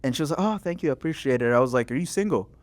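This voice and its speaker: A man's voice: medium pitch, animated, rapid-fire. A young man co-hosting a podcast, telling a story in a laid-back, slangy, profane way. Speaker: podcast co-host. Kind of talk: casual chat.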